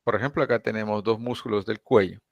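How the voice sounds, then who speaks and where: A man teaching an introductory anatomy class, explaining step by step and often checking in with quick tag questions. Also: fairly low pitch, steady tone, creaky, no echo, lo-fi sound. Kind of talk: lecture.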